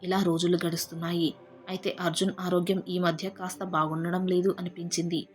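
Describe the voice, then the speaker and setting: A woman telling a first-person family story in a steady, heartfelt way. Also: lowish voice, brisk. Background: faint background music.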